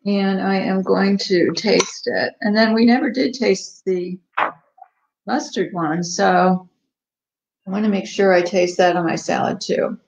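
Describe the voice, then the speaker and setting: A woman's voice: medium pitch, measured pace, vocal fry. A woman hosting a casual live cooking stream from a home kitchen, chatting with many ums and eating as she talks. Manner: relaxed, chatty, many ums, tasting and eating while talking. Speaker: cooking show host. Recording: echoey, dull livestream audio.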